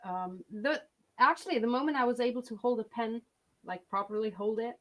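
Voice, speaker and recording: Speaking with a fairly high, slightly bright voice at a little faster than usual pace, a young Swiss singer-songwriter chats as a guest on a video-call interview. It's a casual conversation, and she frequently starts her sentences over.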